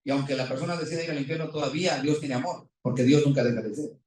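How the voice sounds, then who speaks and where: A man preaching a sermon as pastor, impassioned, swinging between loud peaks and quiet passages, asking his listeners many questions. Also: medium pitch, quick pace. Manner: impassioned, rising and falling, rhetorical questions. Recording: echoey room, voice from far off.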